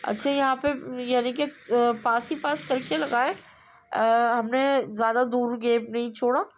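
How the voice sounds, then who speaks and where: A woman explaining kurti neck stitching step by step in a relaxed, repetitive way, pausing often with fillers. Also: on the high side, a little hiss or hum. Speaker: sewing instructor. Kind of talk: step-by-step tailoring tutorial.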